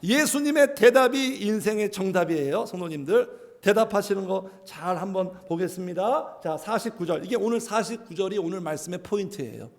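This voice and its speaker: A male pastor preaching a lively sermon, leading the congregation in reading scripture aloud and acting out scolding parents, swinging between loud and soft. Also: sits high, normal speed, hardly any pauses.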